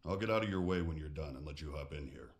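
A man voicing a calm, matter-of-fact male mortician boss who gives work instructions in a video game. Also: extremely low pitch, fast talker. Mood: instructing.

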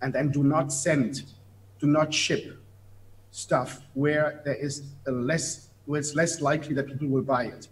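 A man in his fifties, a native German speaker with a German accent, appears as a guest on a video call from an office room, picked up by the webcam. His voice sits on the high side with fairly even intonation and a slightly slow pace. He explains things at length, gesturing as he talks and using some hesitant fillers.

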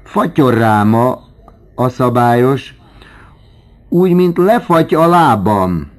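A man reading an audiobook, voicing a fussy male museum clerk who drags out his puns slowly. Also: mid-range voice, animated, pitched above the performer's own voice, natural voice. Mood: joking. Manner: slow, exaggerated punning.

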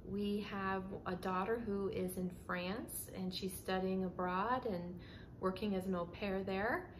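A home decor vlogger chats to camera about her house in a rambling, casual way, full of fillers and restarts and the occasional "y'all." Her mid-range voice is fairly even and measured, picked up close by a camera at chest height indoors, with slight background noise.

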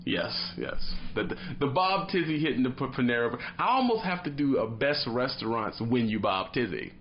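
This is a medium-pitched man in his thirties speaking at a moderate pace, a truck driver casually vlogging in a small, dim room. He tells stories animatedly in slang, acting out little scenes, and the recording is muffled.

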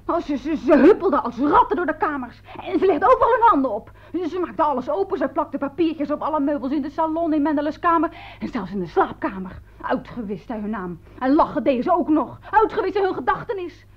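A woman's voice: high voice, quick pace, hardly any pauses. A fiery young orphaned servant girl. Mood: agitated. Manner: excited, stammering storyteller. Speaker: household servant. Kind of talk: 1950s-style radio drama acting. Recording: dull old radio recording.

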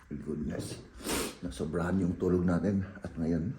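A man chatting casually to his viewers in a vlog from home while sick, coughing now and then, relaxed and full of fillers. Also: low voice, moderate pace, a little hiss or hum. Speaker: vlogger. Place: indoors at home. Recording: echoey room.

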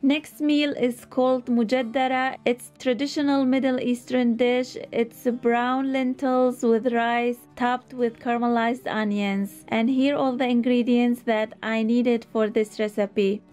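A woman host calmly narrating recipe steps in a voice-over, with slightly non-native phrasing. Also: fairly high pitch, measured pace, hardly any pauses. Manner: calm, step-by-step instructional. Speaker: cooking channel host. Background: soft background music.

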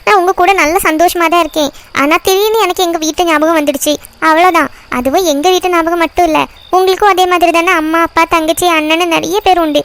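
A woman voicing a young wife in a cartoon who pleads softly and earnestly with her husband. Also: very high-pitched, steady tone, fast talker. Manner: soft, pleading. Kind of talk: cartoon voice acting.

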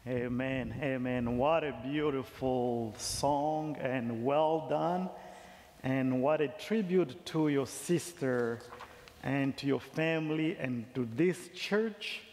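Slow-spoken Zambian-born preacher in a church. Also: male voice, mid-range voice, a little mellow, a little hiss or hum. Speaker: district superintendent preaching. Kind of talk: sermon. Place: large church sanctuary. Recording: long reverb of a large church hall.

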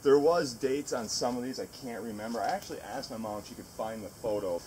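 A man's voice: mid-range voice, quick pace, darkish tone, a little hiss or hum, rough recording. A man showing his family's land outdoors, casually reminiscing and unsure of some details. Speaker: landowner guide. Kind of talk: casual chat. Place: outdoors in a forest.

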